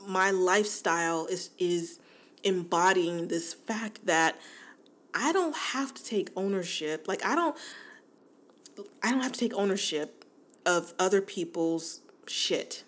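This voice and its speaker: A woman's voice: fairly low pitch, slow pace, fairly bright tone. A woman in her forties hosting a podcast in a casual, chatty monologue, laughing often and talking straight to her listeners. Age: 40s. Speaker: podcast host.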